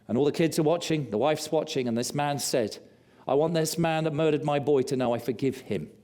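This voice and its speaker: A man preaching a sermon, telling stories with passion and dropping low and quiet for confession. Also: brisk. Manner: impassioned storytelling, rising loud on key lines.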